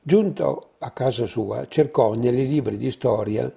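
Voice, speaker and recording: A man narrating a story in deliberately old-fashioned language, reading slowly. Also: mid-range voice, gravelly, mellow, husky. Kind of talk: storytelling in mock-archaic language.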